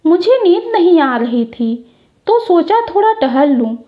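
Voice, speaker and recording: A woman's voice: very high-pitched, very animated, measured pace, narrow, tinny audio, heavily acted. A woman voicing a caring young daughter-in-law who speaks politely and hesitantly. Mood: worried, hesitant.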